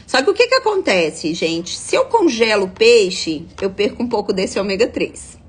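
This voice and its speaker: Husky-voiced woman explaining. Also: medium pitch, very animated, normal speed. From Minas Gerais, Brazil. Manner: explanatory, checks in with frequent tag questions. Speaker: nutritionist. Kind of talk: live-stream talk reading viewer comments.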